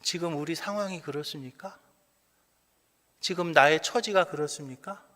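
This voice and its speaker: A man's voice: fairly high pitch, moderate pace, bright, forceful tone, in a large hall. A man preaching a Sunday sermon as pastor in a church, emphatic, asking the congregation questions and mimicking doubters. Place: church sanctuary.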